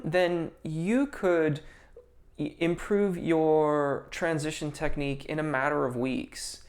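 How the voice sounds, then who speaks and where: A young voice teacher with a gravelly, slightly high voice hosts a laid-back live-stream Q&A. He works through viewer comments, answering in technical singing terms while frequently saying um and starting his sentences again.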